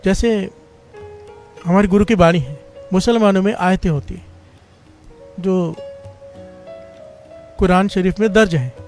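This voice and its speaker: A man with a high-pitched voice delivers a devotional Sikh sermon. He tells his story earnestly and keeps urging the congregation to call out praise. Faint devotional music plays softly behind him. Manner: earnest storytelling, quotes scripture in a slow chant. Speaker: Sikh preacher giving katha.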